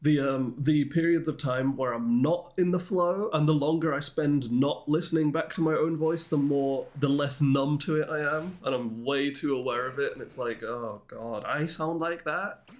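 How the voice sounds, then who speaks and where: A man's voice: fairly high pitch, fairly even intonation, moderate pace, few pauses, darkish tone. A male streamer in casual livestream chat with his viewers, rambling and self-deprecating as he answers the chat.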